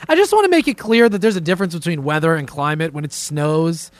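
A podcast host with a slightly high, animated voice talks fast, steering a casual, profane talk show chat full of jokes. He's informal and takes charge of the conversation. He's indoors on a remote conference call set up with a camera, and there's no room sound.

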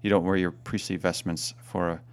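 A man's voice: low voice, little pitch movement, a little fast, clear, resonant tone. A man who is a parish priest, chatting casually and amiably on a podcast. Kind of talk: casual chat.

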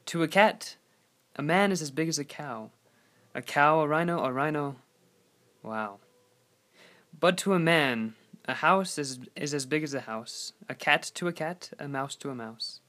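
A man's voice: a little high, measured pace, sharp tone. A man putting on a British accent to play a guest poet on a casual podcast, speaking in an overly polite, mock-formal way. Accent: put-on British. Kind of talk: podcast guest reciting a poem.

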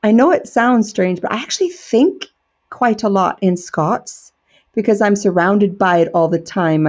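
A woman's voice: mid-range voice, darkish tone, lo-fi sound. A middle-aged American woman, an educator and storyteller, answering interview questions in an earnest, enthusiastic way.

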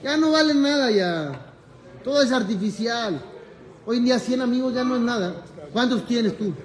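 High-voiced rabbi guy telling stories to a class, really animated, echoey room. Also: normal speed. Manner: animated, jokes with the audience, acts out dialogue. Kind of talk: lively classroom storytelling lesson.

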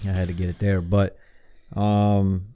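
A man's voice: low voice, little pitch movement, moderate pace, warm tone, clean tone. A man co-hosting a casual podcast, blunt and teasing, swearing constantly. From lives in Hawaii. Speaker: podcast co-host. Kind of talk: casual chat.

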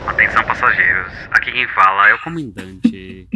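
A stiff, official airline captain addressing passengers over the cabin speaker, as a man puts him on. The voice drops low and sounds set back from the mic, with a deliberate, formal delivery. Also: over loud music, lightly acted, poor audio. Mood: mock formal. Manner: mock-formal pilot cabin announcement. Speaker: podcast co-host. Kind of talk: joking impression.

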